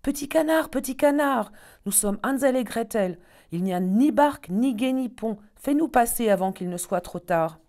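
Gretel, a woman doing a small girl's high voice. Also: animated, a little fast, dark tone, natural voice. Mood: earnest. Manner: pleading, earnest. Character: frightened brave little girl, Gretel.

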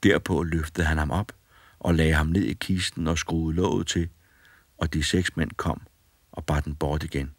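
Brief: deep male audiobook narrator, calm and measured, dry studio read. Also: dry recording. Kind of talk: audiobook fairy tale narration.

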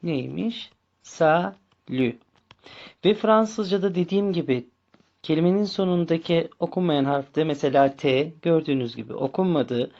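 A man teaching a language lesson, speaking slowly, repeating words and spelling out letters one by one. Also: a little high, creaky, darkish tone, lo-fi sound. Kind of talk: slow bilingual language lesson.

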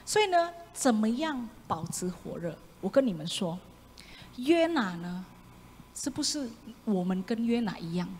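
A woman preaching a sermon, animated, acting out voices and dropping into whispered asides. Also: a little high, a little slow. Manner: animated, acts out voices of the prophet with sudden loud and whispered asides. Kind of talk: sermon with congregation reading along. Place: church hall. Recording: echoey church hall, faint room noise.

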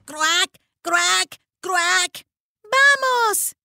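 A woman voicing a cheerful, brave little girl who has been turned into a crow, with squeaky, gleeful cawing. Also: huge pitch swings, takes it slowly, background noise, full character voice.

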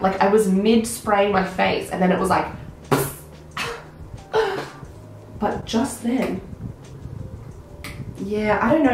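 An excitable young Australian woman talks through a makeup haul in a casual, gushing way. Her voice sounds croaky, as if she is sick. The room around her gives a noticeable echo, with a faint hum of ambience underneath. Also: medium pitch. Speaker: beauty vlogger.

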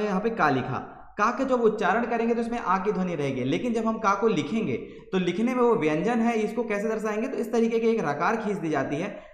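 A man's voice: sits high, reverberant, long reverb tail. A man teaching a grammar lecture for exam preparation, who keeps asking the class questions and then answers them himself.

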